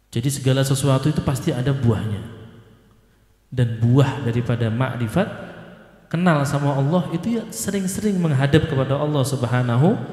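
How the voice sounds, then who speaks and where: Preacher in an echoey hall. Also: male voice, medium pitch, warm tone. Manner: reads Arabic phrase by phrase, then explains slowly; sometimes chants the Arabic in a sing-song tone. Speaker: ustadz teaching a classical text. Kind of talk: Ramadan study sermon, reading Arabic and translating. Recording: echoey hall with long reverb.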